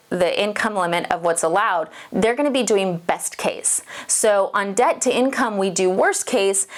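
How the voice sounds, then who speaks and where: A woman loan officer explaining home loans to viewers in a chatty, emphatic way, a little out of breath from a cold. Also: mid-range voice. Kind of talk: casual explainer video.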